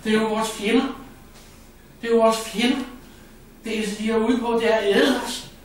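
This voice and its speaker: A man putting on a shrill scolding frog mother. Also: lively intonation, bright, forceful tone. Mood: outraged. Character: shrieking outraged frog mother. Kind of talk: live storytelling. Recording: echoey room, distant mic, noisy.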